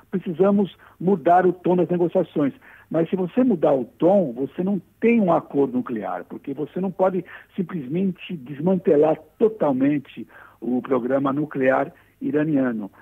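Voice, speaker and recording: A man giving measured, opinionated news analysis as a correspondent, calling in. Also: fairly high pitch, vocal fry, husky. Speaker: foreign correspondent. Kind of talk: live analysis over phone. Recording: tinny phone line.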